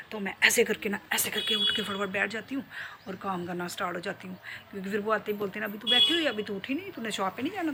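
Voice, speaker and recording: Filmed on a phone at home, a beautician and vlogger from Jammu talks playfully to her viewers in a medium-pitched voice. She's chatty and direct, sprinkling in many tag questions, and background noise is noticeable.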